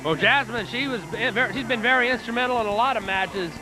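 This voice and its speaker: A man's voice: very high-pitched, brisk, music in the background, rough recording. A man giving conversational, explanatory color commentary at a live wrestling event.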